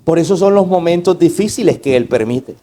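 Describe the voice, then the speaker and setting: Emphatic high-voiced man preaching a sermon. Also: animated, fairly quick, warm tone. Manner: preaching with rhetorical questions and call-outs to the congregation; emphatic, varying between raised and low delivery. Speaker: pastor.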